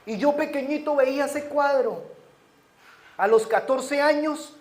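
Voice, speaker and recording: A middle-aged Colombian man preaching a sermon, telling stories and moving between hushed and raised delivery. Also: very high voice, unhurried, roomy sound.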